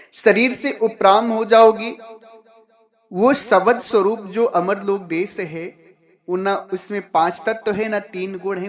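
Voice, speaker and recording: A man's voice: sits high, a bit bright. A man giving a devotional sermon as a spiritual teacher, repeating key phrases and asking questions that he answers himself.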